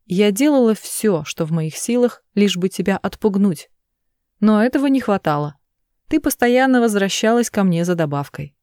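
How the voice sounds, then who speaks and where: A woman's voice: medium pitch, lively intonation, normal speed, a little mellow, dry recording, studio quality, close to an everyday voice. Woman reading as a tearful pleading mother. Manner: pleading, urgent. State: crying.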